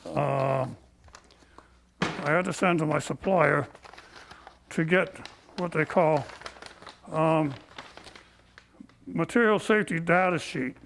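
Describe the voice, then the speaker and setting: Breathless older man, high creaky voice. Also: takes it slowly, pauses often, fairly bright tone, slight background noise. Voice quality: breathless from COPD. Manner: folksy, plain-spoken, indignant. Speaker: barber. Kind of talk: personal storytelling, complaint.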